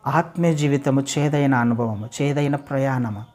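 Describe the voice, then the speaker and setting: A man preaching a sermon who asks his listeners questions, repeats phrases in building series, and swings between loud calls and low, slow stretches. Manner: asks rhetorical questions, addresses listeners directly.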